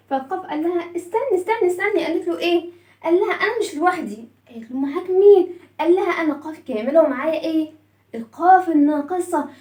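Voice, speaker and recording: A woman's voice: sits high, echoey room, distant mic. A woman with an Egyptian Arabic accent teaching children their letters, asking questions and praising their answers, and telling the letters' story as characters. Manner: call-and-response, praising children. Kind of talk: children's phonics lesson.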